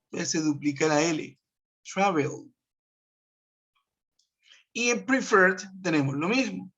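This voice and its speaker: A man teaches an online English grammar lesson, going step by step and checking in with his students. His voice is on the high side, fairly bright, with lively intonation at normal speed. It comes through a web conference computer mic as dull lo-fi web call audio.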